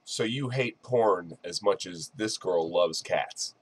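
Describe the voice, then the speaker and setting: A male commentator picks apart another person's video in a mocking, sardonic tone. His voice sits fairly low and has a husky, slightly rough edge. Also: slow. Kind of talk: sarcastic response commentary.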